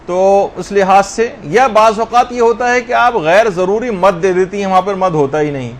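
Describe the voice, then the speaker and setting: A man's voice: sits high, slight background noise. A man teaching a religious lesson, explaining patiently and drawing out sounds to demonstrate pronunciation. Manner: explanatory, drawn-out demonstrations of Arabic letters.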